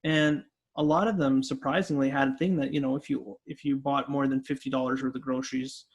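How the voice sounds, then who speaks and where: Gravelly guy, flat monotone, chill podcast explaining. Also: medium pitch, a little fast. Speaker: podcast co-host. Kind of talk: casual chat.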